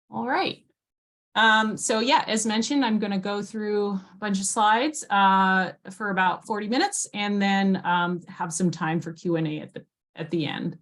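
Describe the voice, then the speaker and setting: A woman in her forties from Hawaii, giving a relaxed webinar presentation over a video call with frequent ums and uhs. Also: medium pitch. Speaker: guest speaker.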